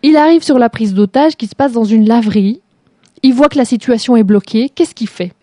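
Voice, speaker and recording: A woman's voice: fairly high pitch, brisk, warm tone, dry recording. A woman hosting a chat show, mocking a TV series with sarcasm and frequent laughter. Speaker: show host reviewing a TV series. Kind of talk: casual critical chat.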